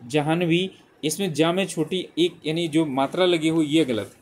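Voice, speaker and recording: A man's voice: on the high side, steady tone, moderate pace. A male teacher going through spelling exam questions one by one, repeating the answer options and often checking in with "ठीक है". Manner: repetitive, keeps saying "ठीक है" and reading options aloud. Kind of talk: exam-prep lesson walking through multiple-choice questions.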